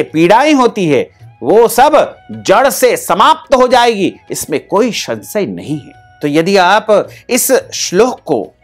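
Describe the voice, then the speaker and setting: A man as a spiritual teacher giving a devotional discourse, repeating phrases in a rhythmic, listing cadence. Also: high-pitched. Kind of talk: devotional discourse with mantra chanting.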